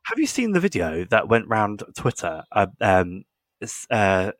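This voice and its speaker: A man's voice: on the low side, huge pitch swings, a little slow, dry recording. A young man, co-hosting a podcast and gushing in casual, filler-heavy chat. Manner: gushing, chatty, lots of fillers. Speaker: podcast co-host.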